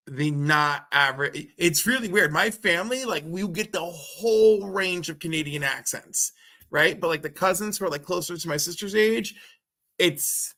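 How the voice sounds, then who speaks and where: Guest dude on a hangout stream, bright sharp voice, kinda high, rambly and jokey. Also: male voice. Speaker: co-host guest. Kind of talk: casual hangout livestream chat.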